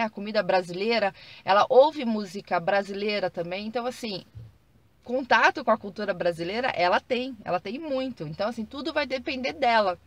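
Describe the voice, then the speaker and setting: Woman from Brazil, casual vlog chat, filler-heavy, mid pitch, dry close sound. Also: no room sound. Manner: chatty, many fillers like "então, assim". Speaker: vlogger. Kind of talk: casual vlog talk to viewers.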